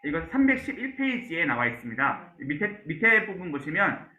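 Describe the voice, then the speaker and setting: A man's voice: a little high, very animated, brisk, bright, forceful tone. A male pastor giving an online Bible class, peppering his talk with "so" and "yes" fillers and asking the class questions. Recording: roomy, dull lo-fi sound.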